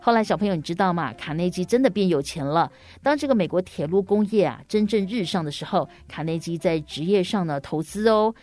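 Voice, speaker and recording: A woman's voice: fairly low pitch, lively intonation, brisk, hardly any pauses, a little mellow. A woman telling an explanatory story to young children in a teacherly way, addressing her little listeners directly and often ending phrases on particles.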